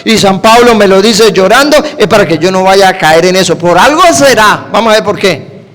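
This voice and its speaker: A man preaching an animated sermon, firing quick questions at his listeners. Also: high voice. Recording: long hall reverb.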